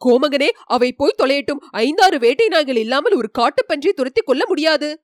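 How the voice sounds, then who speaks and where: Here is a jumpy young nobleman from a storybook, forever fretting and crying out in a high, strained voice that sits well above a normal man's, as a woman reads him. The recording is dry, with no room sound at all. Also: expressive, a little fast, dry recording. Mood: urging. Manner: shrill, panicky warnings. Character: fearful young nobleman, anxious and complaining.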